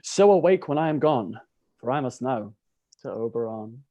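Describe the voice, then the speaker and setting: A man playing a mischievous male sprite in an amateur Shakespeare read-through, speaking in hushed, gasping tones. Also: medium pitch, animated, moderate pace, dull audio. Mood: sly. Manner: hushed, gasping, sly delivery.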